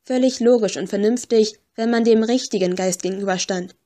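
A woman's voice: medium pitch, brisk, warm tone. Woman narrating an audiobook. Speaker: audiobook reader. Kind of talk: first-person audiobook narration.

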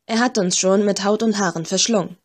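A woman's voice: medium pitch, fairly even intonation, a little fast, lightly acted. A woman voicing a sly, mocking male talking skull in an audiobook, with a teasing, taunting manner. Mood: menacing. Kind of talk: audiobook character voice.

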